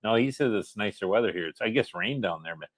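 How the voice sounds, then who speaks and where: A man's voice: lowish voice, animated, fast talker. Easygoing man co-hosting a live chat. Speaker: livestream co-host. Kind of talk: casual live chat, reading out viewer comments.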